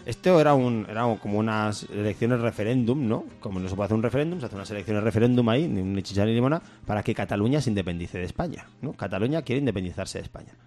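A man's voice: fairly low pitch, expressive, fast, hardly any pauses, a little mellow. Rambling, jokey man. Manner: rambling, jokey, breaks into laughter. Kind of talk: casual comedic chat.

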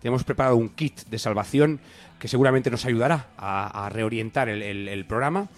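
A man's voice: mid-range voice, fairly quick. A man from co-hosting a comedy radio magazine, rambling in a mock-serious, ironic way. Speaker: radio show co-host.

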